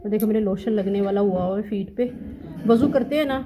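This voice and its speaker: A woman's voice: mid-range voice, brisk, background noise. A woman with a Punjabi accent, a mother, chatting casually to camera at home as she explains and demonstrates something, repeating little check-ins to her viewers. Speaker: family vlogger, mother. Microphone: phone camera held by her child.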